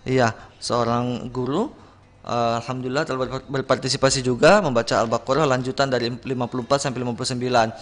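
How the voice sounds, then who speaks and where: A man giving patient, corrective feedback on Quran recitation on a radio program, slowly sounding out each word. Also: medium pitch, steady tone.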